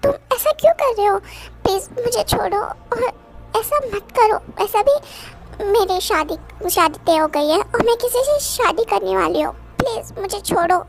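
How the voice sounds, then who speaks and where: A performer voicing a young woman who calms and gently scolds her lover, with music in the background. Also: very high-pitched, normal speed, vocal fry, exaggerated voice. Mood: pleading. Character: young woman, soothing, engaged, in love. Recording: music playing behind.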